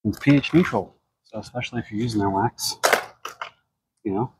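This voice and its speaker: An American man giving a casual, unscripted product demonstration in a low-key way, thinking aloud as he works. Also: brisk, very noisy. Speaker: car care product reviewer.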